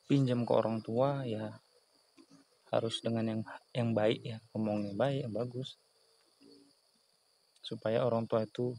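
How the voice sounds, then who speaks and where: A man's voice: medium pitch, a little mellow, poor audio. A man giving casual, earnest advice on a small business, repeating his points and chuckling at himself, recorded outdoors in a plantation. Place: outdoors in a palm and banana plantation.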